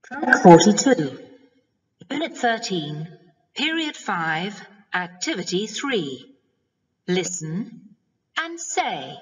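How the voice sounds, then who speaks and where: A woman's voice: medium pitch, very animated, slow, pauses often. A woman announcer reading scripted instructions for a language-course recording. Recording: echoey playback of course audio.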